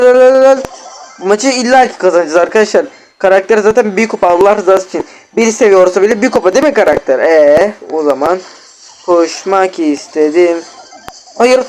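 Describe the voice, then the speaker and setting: Excitable high-voiced gaming commentator man. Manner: excitable, repeats words and keeps addressing viewers. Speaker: gaming YouTuber. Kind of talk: live gameplay commentary.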